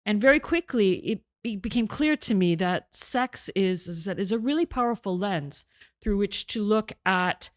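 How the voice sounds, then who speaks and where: A middle-aged author and journalist, half Egyptian and half British and raised in Canada, is a guest in an interview conversation. She explains her ideas at length, articulately, with occasional restarts, in a mid-range voice with lively intonation at a moderate pace.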